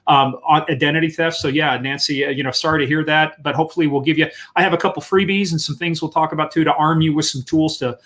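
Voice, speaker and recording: A man's voice: on the high side, steady tone, quick pace, hardly any pauses, fairly bright tone. A man from Kansas, a guest expert on a live webinar, talking in a joking, self-deprecating way over a video call. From Kansas, USA. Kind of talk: casual chat on a live webinar.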